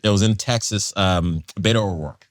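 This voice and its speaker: A man with a fairly low voice talks in a casual panel discussion, animated and quick to slip into acted-out quotes. He fills his sentences with plenty of fillers as he builds up his point. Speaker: panel guest.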